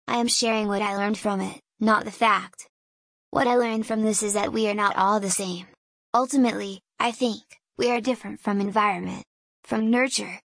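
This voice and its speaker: Speaking alone and thinking aloud, a Hungarian-born woman who runs a small business drifts through deliberate, philosophical digressions. Her mid-range voice is creaky, and the dry recording has no echo.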